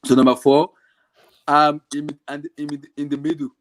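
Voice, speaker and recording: A man's voice: fairly high pitch, level tone, normal speed, no room sound, poor audio. A man hosting a casual football chat on an online call, his audio glitching and cutting out as he talks hesitantly. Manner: hesitant, restarts mid-phrase. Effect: glitching audio that cuts out. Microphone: online call microphone.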